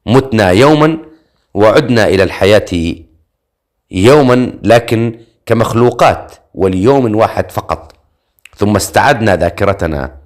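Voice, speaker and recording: A worried young woman reasons things out in a steady, firm voice, lifted a little above the narrator's register, as a man puts her on. She sounds like a character in a spoken storybook. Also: fairly low pitch, moderate pace, long pauses, close to an everyday voice. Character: anxious young woman, regains resolve.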